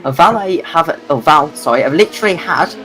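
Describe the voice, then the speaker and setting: A man's voice: a little high, lively intonation, a little fast, sharp tone, faint music behind, low-quality recording. A sleep-deprived man commentating an online endurance race, rambling and self-deprecating. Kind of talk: sim racing commentary.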